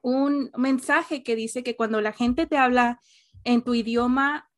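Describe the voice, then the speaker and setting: A woman with a high voice hosts a relaxed podcast conversation. She talks in a chatty, animated way, laughs easily and slips English words in among the rest. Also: a little slow. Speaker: podcast host. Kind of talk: casual conversational interview.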